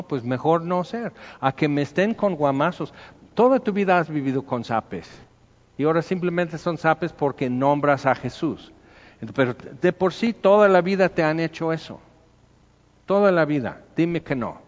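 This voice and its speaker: Brief: Mexican male pastor, chatty sermon style, murmurs then bursts out, dull echoey church hall sound. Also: medium pitch. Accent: Mexican Spanish. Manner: conversational preaching, acting out little dialogues, swings from hushed to loud.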